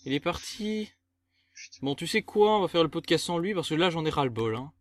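A man's voice: fairly high pitch, expressive, fairly quick. A man hosting a gaming podcast, chatting casually and teasing his co-hosts with exasperated banter. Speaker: podcast host. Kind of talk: casual chat.

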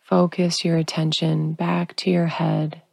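A woman guiding a sleep meditation in a calm, soothing, unhurried sleep-story narrator manner, leaving long pauses. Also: deep voice, vocal fry, breathy edge, dry recording. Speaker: guided relaxation narrator.

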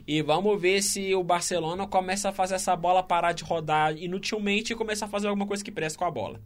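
A Brazilian man with a high-set voice works as co-commentator on a live match. He analyses the play in a colloquial, conversational way and gives his opinions freely. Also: fairly even intonation, fast talker. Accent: Brazilian Portuguese. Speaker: football co-commentator.

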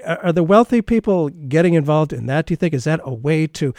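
A man's voice: fairly high pitch, lively intonation, quick pace, a little mellow, no echo. A man from the United States hosting a radio interview, asking questions with conversational, sarcastic asides. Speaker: radio host.

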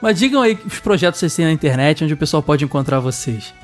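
A Brazilian man with a distinctly high voice hosts a podcast in a casual, conversational way. Faint music plays underneath his speech. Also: lively intonation, fast talker. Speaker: podcast host.

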